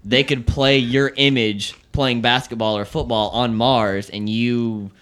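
A man co-hosting a casual talk show, explaining at length with many restarts and pauses. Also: medium pitch, fairly even intonation, a bit bright. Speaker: podcast co-host. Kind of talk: casual chat.

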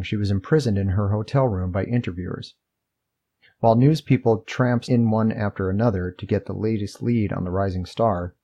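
A man reading his own memoir aloud in a steady, measured storytelling manner. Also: on the low side. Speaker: memoir narrator. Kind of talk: first-person memoir reading.

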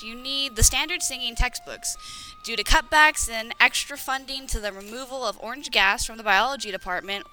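A woman's voice: a little high, bright, forceful tone, low-quality recording. A woman voicing an exasperated teenage girl who grumbles while struggling through a script. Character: exasperated teen reading a script.

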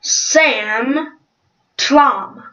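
A woman playfully hosting a pretend contest show, announcing things theatrically and bossily. Her voice is high and bright and very slow, heard on a dull lo-fi recording. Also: far from the mic. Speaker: mock show host.

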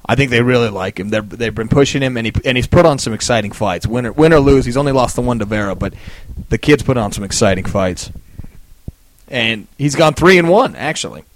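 A man's voice: mid-range voice, lively intonation, brisk, a little hiss or hum. A man hosting a casual sports chat show, leading the talk and asking co-hosts for their picks. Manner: leads the segment, asks others for picks. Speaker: host.

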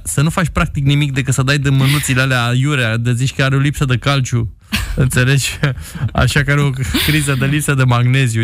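A man's voice: medium pitch, dry recording, studio quality. A man hosting a radio show, chatting and joking in a teasing, playful way. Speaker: radio host.

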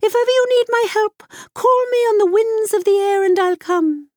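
A woman voicing a small grateful bird who is king of the birds, in a high sing-song voice. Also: normal speed, darkish tone, no echo, studio quality.

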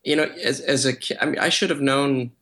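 A man, a guest voice actor, chatting in a podcast interview in a relaxed, hesitant way with many fillers. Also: mid-range voice, a little fast. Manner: relaxed, hesitant, lots of "you know" and "uh".

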